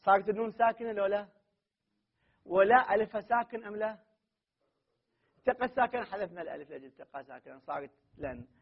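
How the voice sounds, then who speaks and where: A man's voice: sits high, quick pace, gravelly, pauses often. A man with an Iraqi accent giving a classroom grammar lecture as a seminary teacher, often putting questions to his students and then answering them himself. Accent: Iraqi Arabic. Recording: muffled lo-fi recording.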